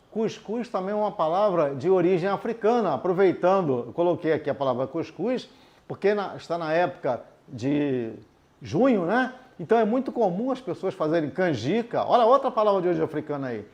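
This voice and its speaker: A man with a high, sing-song voice and a darkish tone teaches an adult literacy lesson at a board, and the recording is lo-fi. He is patient, explaining slowly and checking in with the class with phrases like "tudo bem?".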